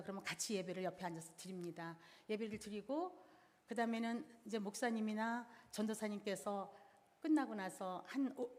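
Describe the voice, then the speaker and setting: A woman's voice: mid-range voice, a little mellow. A middle-aged woman giving a church seminar, explaining each step plainly and in order. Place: church hall. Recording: reverberant hall sound.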